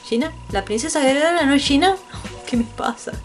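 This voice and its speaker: A woman's voice: high voice, animated, normal speed, soft background music. A woman with an Argentine Spanish accent chatting casually and rambling through an unboxing, swearing offhandedly and often laughing. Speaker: vlogger.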